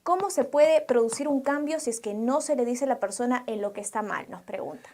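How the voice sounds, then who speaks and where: A woman reading aloud a question sent in for the pastor, in a steady, plain way. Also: a little high, brisk. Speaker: congregation member reading a question.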